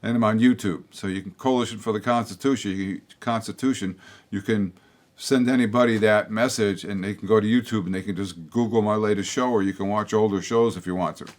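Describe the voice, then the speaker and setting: An older man who hosts a local public-access opinion show speaks fairly quickly and steadily in a lowish voice, rambling bluntly to camera. His talk meanders through many restarts and asides, and a throat tickle leaves him slightly hoarse.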